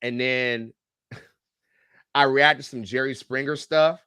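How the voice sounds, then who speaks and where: A man's voice: mid-range voice, slow, smooth, no room sound, clean studio sound. A middle-aged man telling stories on a podcast in a casual, joking, profane way. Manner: animated, profane, joking storyteller. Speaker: guest, YouTube reactor and coach.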